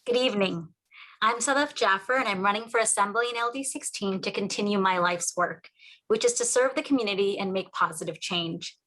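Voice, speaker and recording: A woman running for office, giving a polished, steady, prepared opening statement. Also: medium pitch, a little fast, poor audio. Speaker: political candidate.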